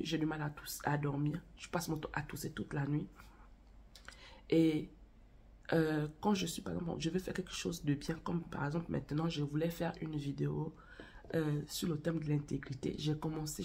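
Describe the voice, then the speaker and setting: Hosting a casual vlog about faith and marriage, a woman talks straight to her viewers and tells a story while fighting a cold and a cough. Her voice sits low and creaky with a darkish tone, and there's slight background noise.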